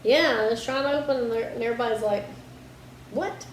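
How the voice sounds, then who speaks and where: A woman's voice: on the high side, fairly even intonation, fast. Chatty woman co-host in an echoey room. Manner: chatty, lots of "like" and trailing off. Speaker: podcast co-host. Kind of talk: casual chat. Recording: roomy echo, faint background hiss.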